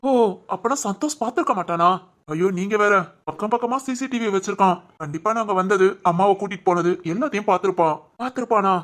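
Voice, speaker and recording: A woman's voice: mid-range voice, fast. A woman voicing the members of a homemade family drama in an emotional, conversational way.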